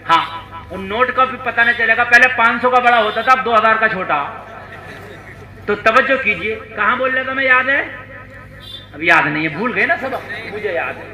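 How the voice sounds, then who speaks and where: High bright-voiced preacher, echoey hall. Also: male voice. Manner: dramatic, rising to shouts, coaxing the crowd to respond. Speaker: Islamic preacher. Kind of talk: Urdu sermon with storytelling. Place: conference stage before a crowd.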